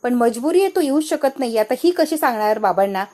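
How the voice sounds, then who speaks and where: A woman recapping a soap episode in a lively storytelling voice that sits a little high. She talks casually. Her delivery moves the story along without pausing to comment. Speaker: serial episode reviewer.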